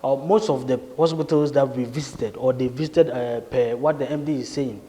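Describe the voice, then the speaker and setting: A man giving a spoken interpretation of a director's words, hesitant, with many uh pauses. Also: mid-range voice, steady tone, warm tone, long reverb tail. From Ghana.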